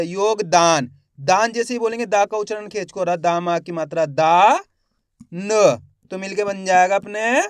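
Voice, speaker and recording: A man teaching Hindi reading, slowly sounding out words syllable by syllable and quizzing his viewers. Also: sits high, clear, resonant tone, no room sound, studio quality. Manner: slow, drawn-out syllable by syllable pronunciation; addresses viewers as friends, asks quiz questions. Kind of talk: spelled-out reading lesson.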